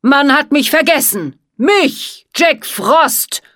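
A woman voicing a furious male winter wizard who shouts curses in a cutting voice. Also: high-pitched, animated, slow pace, no room sound, studio quality, voice pushed up, full character voice.

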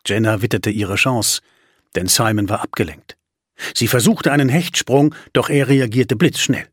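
A man narrates a story for an audiobook in a measured, vivid way. His voice is husky and mid-pitched. The recording is dry and close to a studio mic. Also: dry recording. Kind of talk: storybook reading.

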